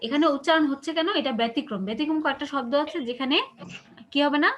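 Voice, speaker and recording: Woman teacher w/ bangladeshi bengali accent, fast talker, keeps checking if students get it. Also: high voice, fairly bright tone, dull audio. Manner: explains patiently, asks checking questions. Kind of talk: online class lecture.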